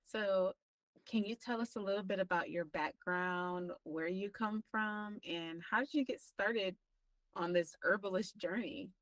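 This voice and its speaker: A woman's voice: mid-range voice, a little slow, no echo, recorded from a distance, rough recording. A woman co-hosting a podcast, asking questions and responding with enthusiastic praise. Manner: warm, enthusiastic, complimentary. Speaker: podcast co-host. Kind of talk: casual interview talk.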